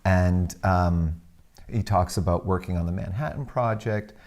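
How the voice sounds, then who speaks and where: A man's voice: low-pitched, unhurried, darkish tone. A man co-hosting a casual chat, wry and rambling as he tells stories. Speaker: podcast co-host.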